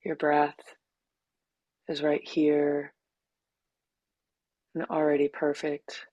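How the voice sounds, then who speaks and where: A female meditation teacher sits low in pitch and speaks in a monotone, guiding listeners gently with long gaps between short phrases. The recording is dry and the audio dull.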